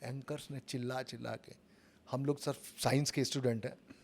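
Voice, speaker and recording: A man's voice: mid-range voice, little pitch movement, moderate pace, gravelly. A middle-aged man, a journalist and author, telling his stories with dramatic emphasis in an interview. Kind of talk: storytelling interview talk.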